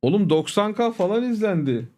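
A man's voice: sits high, very animated, brisk, warm tone. A man streaming live, ranting casually to his viewers, blunt, profane and irritated. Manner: addresses viewers familiarly as "abi" and "agalar". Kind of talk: casual livestream rant.

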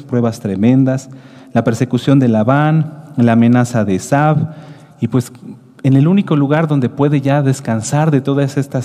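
A man's voice: medium pitch, dark tone. A man preaching a sermon to his congregation, teaching step by step and often checking with the listeners with a rising "¿sí?". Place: congregation hall with a booth of branches. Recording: long hall reverb.

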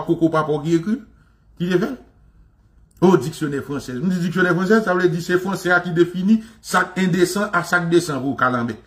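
A Haitian man hosting a show, ranting in an animated, mocking way, with lots of repetition and frequent laughter. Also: fairly high pitch. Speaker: show host. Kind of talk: impassioned commentary rant.

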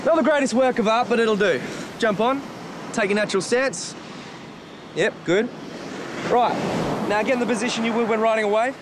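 A man's voice: high-pitched, moderate pace, long pauses, natural voice. A man playing a laid-back former pro surfer turned coach, talking bluntly and easily. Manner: blunt, easygoing coaching talk. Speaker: surf coach. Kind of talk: TV teen drama acting. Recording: outdoor noise with surf.

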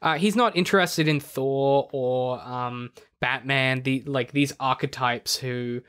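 A man co-hosting a podcast, chatting casually about a book, rambling with many fillers and jumps in pitch. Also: fairly even intonation, slow, a bit bright, clean tone. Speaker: podcast co-host. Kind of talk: casual book club chat.

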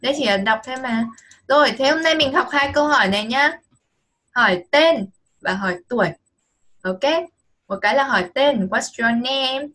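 A woman teaching English online to a child, patient and encouraging, slowly modelling phrases over a video call. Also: fairly high pitch, animated, sharp tone. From Vietnam.

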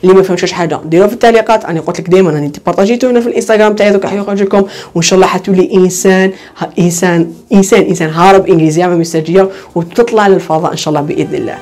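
A woman's voice: fairly low pitch, very fast, few pauses, darkish tone. A woman with an Algerian Arabic accent teaching an online English lesson. She asks questions, answers them herself, and repeats the key words. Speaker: English tutor.

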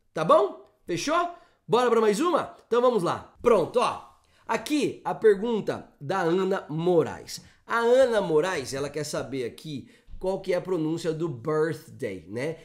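A Brazilian man, an English teacher, explaining pronunciation in a chatty, lively online lesson and acting out examples. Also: high voice. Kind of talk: online English lesson answering viewer questions.

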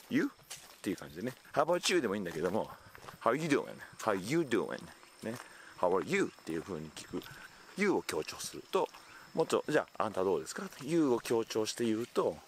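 A man's voice: lowish voice, a little hiss or hum. A man giving a casual spoken lesson outdoors, animatedly switching into sample English phrases. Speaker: English teacher on a video channel. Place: outdoors in hot weather.

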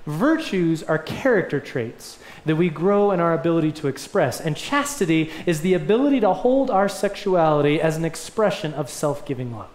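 Earnest young male pastor, high voice. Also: animated, normal speed, hardly any pauses, a little mellow. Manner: earnest, gesturing preacher with rising emphatic swells. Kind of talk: sermon. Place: church sanctuary. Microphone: lectern mic. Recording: echoey church room.

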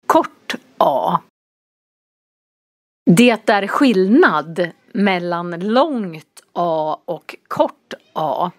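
A woman teaching a vocabulary lesson, pronouncing each word form slowly and distinctly for learners. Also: fairly low pitch, no echo, clean studio sound. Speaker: language teacher. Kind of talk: slow, clearly articulated vocabulary lesson.

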